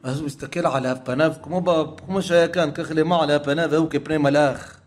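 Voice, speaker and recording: A man preaching a sermon through a story, moving between hushed passages and raised, fervent ones. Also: a little high, fairly even intonation, faint music behind.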